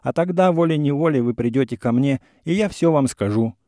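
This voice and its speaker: A man voicing a hot-headed young gentleman suitor in a classic story reading, talking in a heated, insistent way. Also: mid-range voice, a little fast, no echo, clean studio sound, voice pushed up, natural voice. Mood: indignant. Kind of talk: audiobook character reading.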